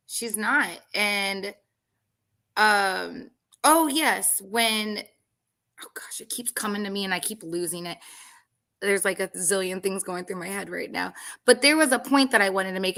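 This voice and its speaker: Talking at a moderate pace in a mid-range, gravelly voice that sounds pushed and bright, this podcast host rambles through casual reality-show commentary full of fillers and restarts. She notes that others describe her voice as girly.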